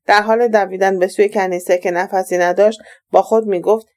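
Lady reading an audiobook, steady even pace, mid-pitched voice. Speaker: audiobook narrator. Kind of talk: scripted narration.

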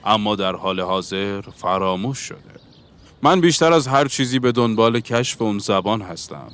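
A man's voice: lowish voice, animated, a bit bright, clean tone. A man voicing an earnest bookish Englishman. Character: bookish Englishman seeking a universal language.

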